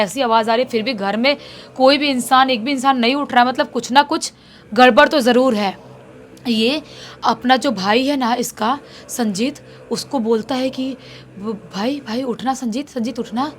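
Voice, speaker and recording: A woman casually narrating a spooky story, acting out the characters' lines with a raised, louder voice. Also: moderate pace. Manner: acts out quoted characters with raised pitch and loudness. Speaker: horror storyteller. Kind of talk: casual spoken horror narration.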